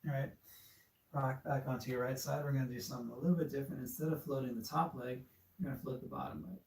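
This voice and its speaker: A man leads a yoga class in a mellow, easygoing voice, cueing each move with casual encouragement. He stands some way from the mic, and the room adds a noticeable echo around his words. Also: medium pitch, fast talker. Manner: relaxed, encouraging, with fillers. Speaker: yoga instructor. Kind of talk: guided yoga class instruction. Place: studio room. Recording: echoey room, far from mic.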